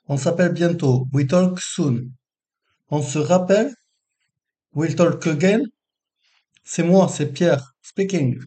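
A man reading a bilingual phone vocabulary list, giving each phrase and then its translation in a deliberate way. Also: fairly high pitch, dark tone. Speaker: language teacher.

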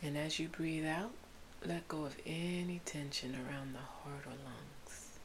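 A woman guiding a sleep meditation in a soft, soothing spa-like whisper. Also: low voice, steady tone, measured pace. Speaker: meditation guide. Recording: hissy background noise.

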